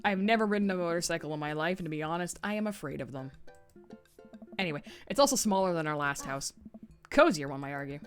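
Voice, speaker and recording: A woman playing a gentle, wry middle-aged father in a video game read-aloud. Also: on the low side, lively intonation, quick pace, soft background music, voice pushed down, natural voice. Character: fond, wry, middle-aged widowed dad.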